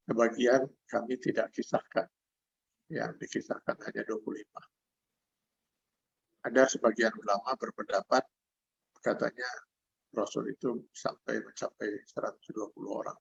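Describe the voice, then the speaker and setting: A man's voice: on the low side, level tone, normal speed, vocal fry, pauses often, husky. An older man with an Indonesian accent, preaching a sermon over a video call, reciting Arabic verses and then explaining them. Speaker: Islamic preacher. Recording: dull lo-fi video call audio.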